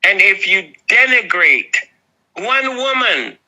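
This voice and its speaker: A man's voice: high voice, sing-song, bright, forceful tone, low-quality recording. A man with a Barbadian accent delivering an earnest, impassioned moral address, pleading with his listeners. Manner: slow, earnest, preaching with pleading appeals. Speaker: video essayist.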